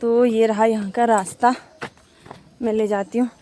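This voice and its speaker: A woman's voice: on the high side, little pitch movement, measured pace, mellow, slight background noise. A young woman vlogging in a casual, chatty way, talking straight to her viewers as she walks around outdoors in a village. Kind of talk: casual vlog walk-through. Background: faint outdoor ambience with animals.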